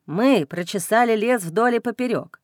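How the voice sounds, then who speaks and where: A woman's voice: fairly high pitch, normal speed, no echo, studio quality, natural voice. A woman voicing a cold, indifferent male werewolf warrior in an audiobook. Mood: cool. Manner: calm, dismissive. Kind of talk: audiobook character reading.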